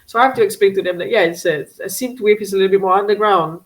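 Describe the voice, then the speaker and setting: A woman's voice: mid-range voice, rapid-fire, poor audio. A woman talks as an interview guest in a loose, chatty way. She restarts sentences, stacks fillers and laughs often. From Singapore. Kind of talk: casual interview chat.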